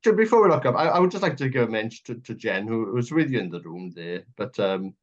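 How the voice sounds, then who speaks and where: A Welsh radio host conducts a conversational political interview, speaking emphatically and at length in stacked-up clauses. He's fast, with a medium-pitched voice and lively intonation, and the audio is dull, muffled and lo-fi.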